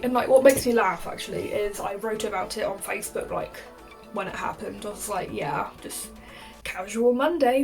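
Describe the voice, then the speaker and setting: A woman's voice: medium pitch, creaky. A young woman, telling a story to camera in a chatty way, saying "like" a lot and laughing often. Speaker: vlogger.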